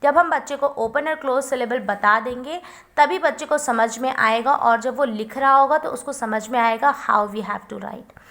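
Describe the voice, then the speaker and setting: A woman teaching phonics, mixing Hindi and English and sounding out each word slowly. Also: high voice, fairly bright tone. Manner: switches between Hindi and English, slow drawn-out sounding of words. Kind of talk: home-recorded phonics lesson.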